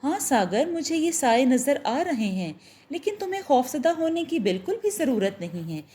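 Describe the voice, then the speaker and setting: A lovestruck young witch who speaks in a soft, sweet, reassuring way, voiced by a woman reading the tale aloud. The voice is high and warm, and the pitch rises and falls a lot. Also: sing-song, normal speed. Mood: gentle. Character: young woman turned witch, loving, possessive.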